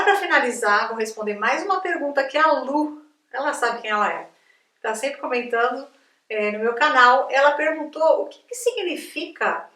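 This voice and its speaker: A woman's voice: high voice, bright, forceful tone, recorded from a distance. A Brazilian woman with a chatty, upbeat manner, giving a casual video lesson as an English teacher, checking in with her viewers again and again. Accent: Brazilian Portuguese. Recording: echoey room, voice from off the mic.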